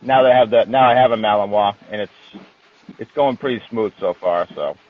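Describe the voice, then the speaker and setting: A man's voice: on the low side, a little fast. A man speaks as a guest in a casual interview, heard over a thin, phone-like connection. His way of talking is candid and colloquial, with the odd swear word. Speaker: interview guest, dog trainer.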